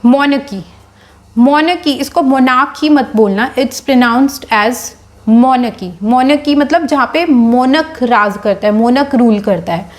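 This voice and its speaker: A woman teaches English vocabulary in a relaxed lesson, switching between Hindi and English. She sounds out each word slowly and carefully, and her voice sits a little high. She speaks to her viewers as friends. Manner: slow, deliberate over each English word.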